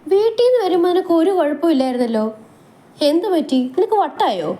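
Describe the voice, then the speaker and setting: A woman's voice: very high-pitched, sing-song, fast talker, dark tone, voice pushed up. A woman voicing a young husband who teases and scolds his wife in a family story. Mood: teasing. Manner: teasing, scolding. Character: young husband, teasing and bossy.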